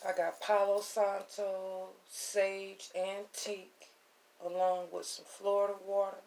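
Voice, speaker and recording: A woman's voice: mid-range voice, monotone, slow pace, creaky, a little mellow, rough recording. A woman giving an intimate, soothing spiritual reading in a casual way, affectionately addressing the listener with pet names. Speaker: tarot reader and spiritual host.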